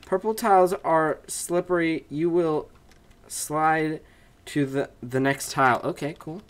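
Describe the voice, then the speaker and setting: Unhurried and steady in tone, this fairly high-pitched teen gaming creator offers excited commentary on his own play at home. He reads signs out loud, yelps, shouts and squeals at wins and deaths, and is losing his voice, recorded on a desk mic with webcam.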